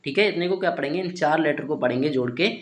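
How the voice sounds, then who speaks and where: A man's voice: fairly high pitch, quick pace. A man teaching beginners to spell and pronounce English words letter by letter, often asking a question and answering it himself. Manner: repeats ठीक है, asks and answers himself. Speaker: English tutor. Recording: roomy echo.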